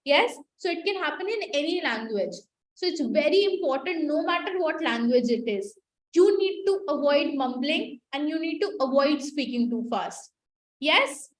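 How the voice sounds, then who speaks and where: A high-voiced young woman teaches communication skills to a live online class. She is emphatic and repetitive, urging her students again and again to type their answers in the chat. Her voice carries a roomy echo over faint background noise. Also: expressive, moderate pace. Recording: echoey room with faint noise.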